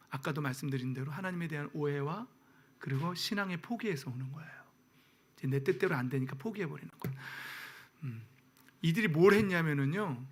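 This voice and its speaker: A male pastor preaching a sermon, asking the congregation rhetorical questions and swinging between loud exhortation and hushed, near-whispered lines. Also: on the high side.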